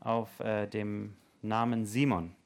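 A man interpreting a sermon live, quick, with hesitations and self-corrections, sometimes reading scripture aloud. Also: on the low side, level tone, vocal fry.

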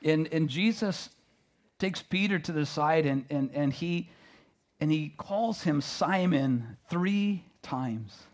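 A man preaching through an interpreter, halting, repeating words and often checking in with "right?" and "you know". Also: fairly high pitch, expressive. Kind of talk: sermon delivered through an interpreter.

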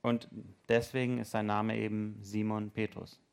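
A man interpreting a sermon live, quick, with hesitations and self-corrections, sometimes reading scripture aloud. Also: fairly low pitch, flat delivery, vocal fry, smooth.

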